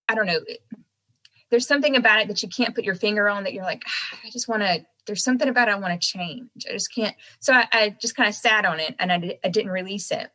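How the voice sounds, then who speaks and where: In casual podcast conversation, a singer-songwriter from the United States laughs as she speaks out of one side of her swollen mouth. Her pitch is medium, with a pushed, bright quality.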